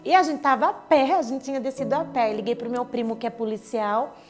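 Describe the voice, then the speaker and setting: A woman with a slightly high voice gives a heartfelt church testimony. She tells the story in a vivid, emotional way and acts out the words of the people in it. Instrumental music plays clearly beneath her voice. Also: a little fast. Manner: emotional, vivid retelling with quoted dialogue. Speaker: church member giving testimony. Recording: clear background music under speech. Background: soft instrumental music.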